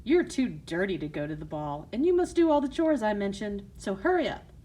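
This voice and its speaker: A woman's voice: medium pitch, very animated, fairly quick, mellow. A woman voicing a cruel, bossy stepmother in a fairy tale storybook. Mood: commanding.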